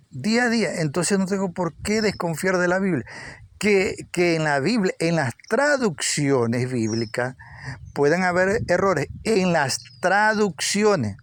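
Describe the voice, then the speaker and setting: Slow-talking high-voiced man preaching. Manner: repeats words for emphasis, rising with energy at points. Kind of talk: informal Bible teaching.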